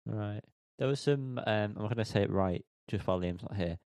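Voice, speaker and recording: This man's voice is on the low side and a little mellow, moving at a moderate pace in a dry, studio-quality recording. As co-host of a music review podcast, he keeps the chat casual, joking, laughing and fumbling band names.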